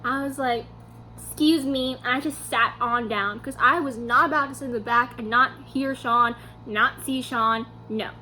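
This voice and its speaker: A young woman vlogger telling a story to camera in a casual, animated way, acting out her own quotes. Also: a little high, moderate pace, hardly any pauses, a little hiss or hum.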